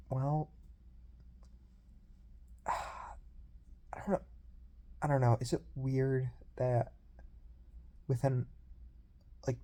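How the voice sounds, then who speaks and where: A young man talking through a personal video diary in a reflective, rambling way, with many fillers and pauses. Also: medium pitch, mellow. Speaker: video journal host.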